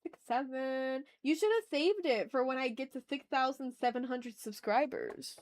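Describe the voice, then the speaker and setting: A woman with a high-sitting voice hosts a casual drawing livestream at a normal pace. She chats playfully with viewers and thinks out loud while she works.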